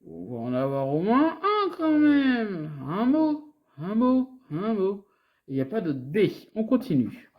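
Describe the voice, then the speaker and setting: Lively French woman calling out scratch-card letters. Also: medium pitch, slow, muffled recording. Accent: French from France. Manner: chatty, talks to viewers, repeats letters in sing-song runs. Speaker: host scratching lottery tickets. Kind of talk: casual play-by-play commentary.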